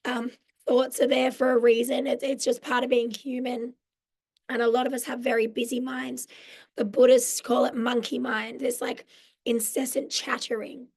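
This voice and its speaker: Over a video call, a mental health social worker in her forties, Australian-accented, leads a live mindfulness workshop despite a lost, hoarse, croaky voice. Her explanations are warm and peppered with frequent ums. The voice sits a little high with little pitch movement, a darkish tone, and a normal speed.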